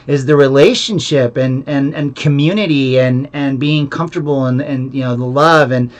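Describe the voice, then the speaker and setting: A man's voice: mid-range voice, normal speed. A man talking casually as an interviewer, affirming and reflective. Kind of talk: casual conversation.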